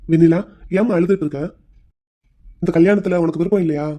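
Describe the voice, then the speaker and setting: A voice actor playing a patient young groom who gently coaxes his bride to open up in a cartoon. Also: medium pitch, brisk, close to an everyday voice. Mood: coaxing. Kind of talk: Tamil cartoon voice acting.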